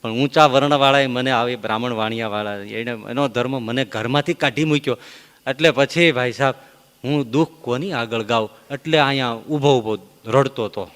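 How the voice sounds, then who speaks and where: A man, a swami giving a storytelling sermon, who acts out the dialogue with sudden loud, high outbursts. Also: moderate pace. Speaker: swami preaching a discourse. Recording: long hall reverb.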